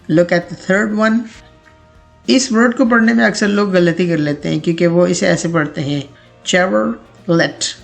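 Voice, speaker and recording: A man teaching a pronunciation lesson, repeating each word slowly several times so listeners can copy it. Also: high voice, creaky.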